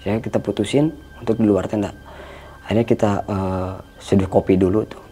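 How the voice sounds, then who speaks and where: A man's voice: on the low side, steady tone, fairly quick, mellow. A man casually recounting a frightening hiking experience, tensely imitating the eerie sounds he heard. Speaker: hiker telling a story. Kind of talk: casual storytelling.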